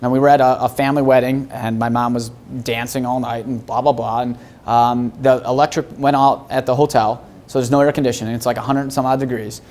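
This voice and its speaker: Man, real estate guest, rapid-fire and blunt, swears freely, animated storyteller, mid-pitched. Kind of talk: casual podcast interview.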